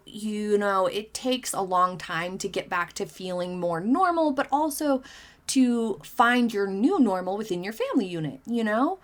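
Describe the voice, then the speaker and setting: A woman talks to camera in a relaxed, chatty commentary vlog, reading viewer comments aloud and giving her own opinions. She hedges often and drifts into fillers as she thinks aloud, in a mid-range voice. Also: medium pitch. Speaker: commentary channel host.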